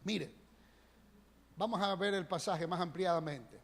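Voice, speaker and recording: A man's voice: sits high, measured pace. A male pastor preaching a sermon in a church, emphatic and full of rhetorical questions. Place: church sanctuary. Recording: long church reverb on a live stream.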